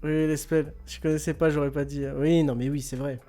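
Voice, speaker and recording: Male host, high-pitched, loose and joking, over soft background music. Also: flat delivery, a little fast. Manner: joking, laughs often, repeats words. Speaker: host of an online quiz radio show. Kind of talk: casual quiz hosting, chatting with listeners.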